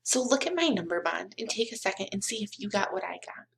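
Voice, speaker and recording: A woman's voice: mid-range voice, big pitch swings, fast, creaky, a bit bright. A young woman giving a recorded lesson to small children like a kids show host, in simple, encouraging words, asking questions and counting along. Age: young adult. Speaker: kindergarten math teacher. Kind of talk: recorded children's lesson, talking directly to pupils. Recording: roomy, echoey webcam sound.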